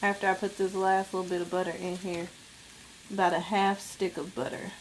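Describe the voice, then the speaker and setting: Fairly low in pitch, level in tone, and a little fast, this woman in her twenties hosts a live cooking demo from her home kitchen. Her manner is chatty and easygoing, addressed straight to viewers, with frequent laughter. Pans sizzle and utensils clatter in the background.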